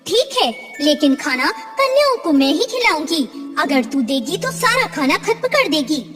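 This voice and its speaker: A woman voicing a stingy, sharp-tongued older mother-in-law who scolds in a shrill, grudging way, in a storybook narration. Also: very animated, moderate pace. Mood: scolding. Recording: long reverb, faint music behind.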